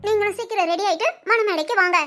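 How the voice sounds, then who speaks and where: A woman's voice: extremely high pitch, fast, sharp tone, soft background music. A woman voicing a lovestruck young bride in a cartoon, insistent and sweetly demanding, with a southern Tamil Nadu accent. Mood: eager.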